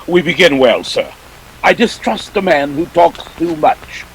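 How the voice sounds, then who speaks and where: A man's voice: on the high side, expressive, unhurried, fairly bright tone, a little hiss or hum, rough recording. A man acting a wordy, jovial but dangerous fat crime boss in a 1940s detective radio play. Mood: jovial, expansive. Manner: pompous, orotund, savoring his words.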